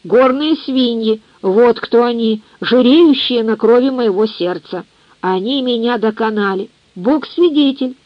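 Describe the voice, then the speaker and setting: A huge drunken old father bellows slow, bitter tirades at everyone around him, as a woman reading the story puts him on. The voice is husky and slightly breathy. The recording sounds muffled and lo-fi, with a dry, close sound. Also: on the high side, dry recording. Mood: drunken raging.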